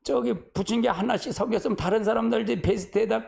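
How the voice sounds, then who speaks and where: A man's voice: high-pitched, steady tone, fast, creaky, a little mellow. A man preaching to a congregation as pastor, chatty and homespun, sighing often and calling on the listeners to answer back. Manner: asks the congregation for responses. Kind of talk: sermon.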